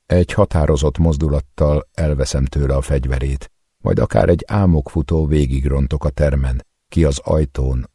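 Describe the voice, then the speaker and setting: A man's voice: rumbling low, mellow, husky, no room sound, studio quality. A man reading a first-person novel aloud as an audiobook narrator, with an intense, dramatic delivery.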